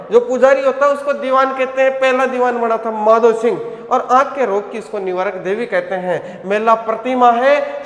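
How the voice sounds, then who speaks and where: A male teacher giving an online coaching lecture, drilling his students with repeated questions and answers and calling them "beta". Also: high voice. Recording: echoey hall sound.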